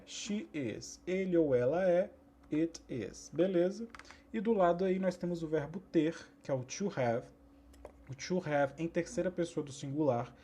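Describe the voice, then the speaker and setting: A man, teaching a recorded English lesson to sixth graders, repeating each rule slowly and asking students to pay attention. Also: on the high side, mellow, slightly rough.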